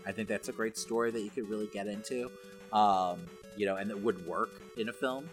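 On a relaxed pop culture podcast, a male co-host talks conversationally, leaning heavily on "like" and "you know." His voice sits on the low side with a steady tone and brisk pace, and faint music can be heard behind him.

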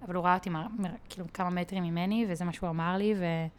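Woman guest on a podcast telling a story, lots of fillers, talks kinda animated. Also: on the low side, smooth. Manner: chatty, many fillers and restarts, vivid storytelling. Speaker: podcast guest, content creator. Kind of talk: casual personal storytelling.

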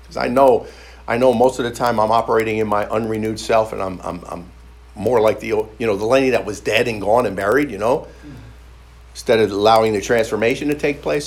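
A man preaching through a personal story, repeating phrases for emphasis and stumbling over restarts. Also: lowish voice. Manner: frequent stammered restarts. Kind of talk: storytelling sermon.

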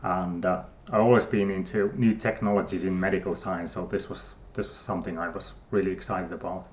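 Here a middle-aged Finnish-accented man from Finland talks a little fast in a low-pitched voice with fairly even intonation. As a guest scientist in a casual interview, he hesitates, filling gaps and restarting often.

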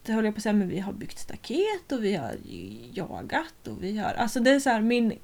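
A woman in her thirties chatting casually as a podcast co-host, animated, laughing often and swearing freely. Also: a little high. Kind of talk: casual chat.

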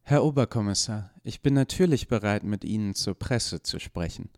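A man's voice: lowish voice, animated, moderate pace, a little mellow, dry recording, clean studio sound. A man reading the part of a composed, diplomatic woman professor with a formal, soothing manner.

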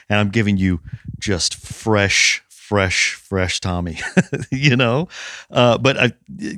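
A man's voice: lowish voice, a bit bright, no echo, clean studio sound. An American man hosting a podcast, chatting casually with a self-deprecating, easy laugh and some swearing. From United States. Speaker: podcast host.

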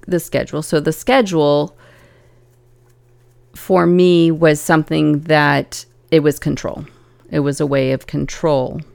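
A woman's voice: sits low, creaky, clear, resonant tone, dry recording. A woman co-hosting a casual podcast as a family coach, talking earnestly and reflectively, laughing easily.

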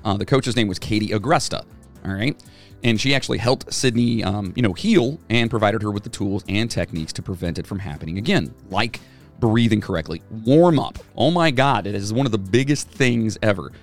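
Swapping stories like the former band singer he sounds like, a podcast co-host talks in a gravelly, slightly low voice with lively intonation and a brisk pace. The casual chat wanders, full of fillers and restarts, over faint background music.

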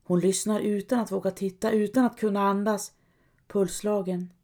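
Woman narrating a dark folk tale. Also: mid-range voice, steady tone. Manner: measured, dramatic reading. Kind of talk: scripted storytelling narration.

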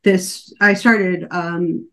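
A woman's voice: lowish voice, fairly even intonation, drawn-out words, fairly bright tone. A woman author in her forties talking casually as a podcast guest, chatty, with lots of fillers and restarts. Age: 40s. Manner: conversational, many fillers and restarts.

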